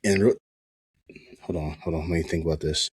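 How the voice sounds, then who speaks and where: A man's voice: extremely low pitch, steady tone, fairly quick, slightly rough, no echo, studio quality. A man co-hosting a casual podcast chat, laid-back and agreeable. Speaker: podcast co-host. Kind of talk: casual chat about anime.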